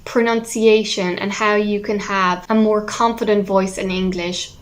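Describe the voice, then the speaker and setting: A young Irish woman teaching an online English lesson, with a musical, expressive delivery that leans on stressed words. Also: mid-range voice, unhurried.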